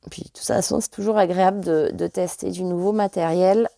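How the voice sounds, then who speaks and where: Chatty French woman with a gravelly voice. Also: on the low side, steady tone, a little fast, mellow, no echo, studio quality. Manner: chatty, hesitant with many fillers. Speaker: vlogger. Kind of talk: casual chat.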